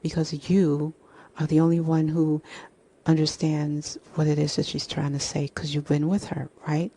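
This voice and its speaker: A woman's voice: sits low, flat delivery, normal speed, dark tone, husky. A woman voicing a concerned older woman who asks probing questions.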